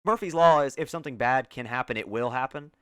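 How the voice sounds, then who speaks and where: A man's voice: mid-range voice, fast talker, fairly bright tone, clear, resonant tone, dry recording, studio quality. A young man co-hosting a casual film podcast, rambling with lots of fillers and restarts. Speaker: podcast co-host.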